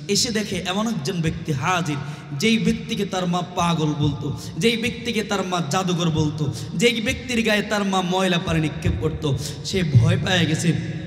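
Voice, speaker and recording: High, bright preacher in echoing reverb. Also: male voice. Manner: sing-song, swings from soft storytelling to shouted exhortation, calls on the crowd. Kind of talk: Bengali waz sermon. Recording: echoey loudspeaker sound with long reverb.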